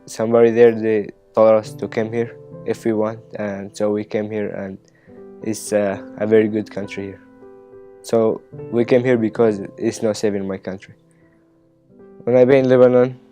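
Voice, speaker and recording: Flat, dark-voiced young immigrant student. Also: male voice, fairly low pitch. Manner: hesitant, simple non-native English. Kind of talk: interview testimonial. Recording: soft music bed underneath.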